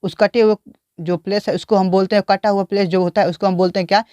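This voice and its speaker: A man's voice: high voice, fairly even intonation, fast, warm tone, clear, resonant tone, no room sound, studio quality. A man teaching biology, explaining a diagram and repeatedly asking the class questions.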